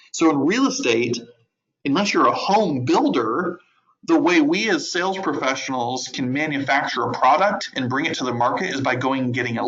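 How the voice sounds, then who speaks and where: A man coaching real estate agents in an online training, conversational and animated, often repeating words and laughing. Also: medium pitch. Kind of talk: virtual training lecture. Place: home office at a desk. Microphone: video call. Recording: dull lo-fi audio.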